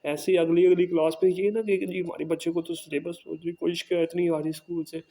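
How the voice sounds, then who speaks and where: A man with a Pakistani Urdu accent, a home tutor, tells a story in a casual, earnest monologue and keeps tagging his sentences with a quick "okay". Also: a little high, flat delivery, warm tone. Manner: earnest, repeats "ٹھیک ہے" as a tag.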